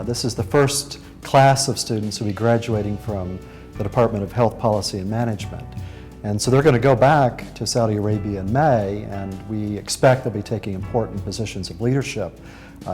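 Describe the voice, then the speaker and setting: A man on the program's faculty, speaking calmly and explaining in an interview. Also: on the low side. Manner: calm, explanatory, with occasional fillers. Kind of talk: interview talk.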